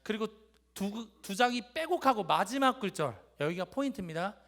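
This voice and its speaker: A young man giving a church testimony, telling his story in a lively way and acting out his father's gruff lines. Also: sits high, normal speed. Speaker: youth speaker giving a testimony. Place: church sanctuary.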